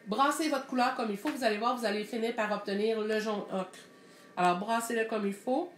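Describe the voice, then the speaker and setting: Québécois lady teaching painting live, chatty, talks through her color mixing, kinda high voice, echoey room. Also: a little fast, a little hiss or hum. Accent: Québécois French. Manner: thinks aloud while mixing paint, chatty and explanatory. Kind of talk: live online painting lesson.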